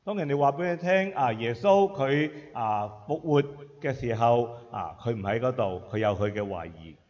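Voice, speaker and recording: A man interpreting a sermon phrase by phrase, measured, with frequent filler sounds between phrases. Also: mid-range voice, lively intonation, a little mellow. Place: church hall. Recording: echoey hall, dull sound.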